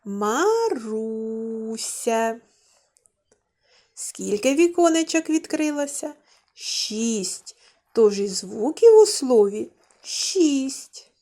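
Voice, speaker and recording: Woman kindergarten teacher, slow and lively sing-song, mellow voice, drawn-out words. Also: high-pitched. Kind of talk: slow, clearly enunciated lesson for young children.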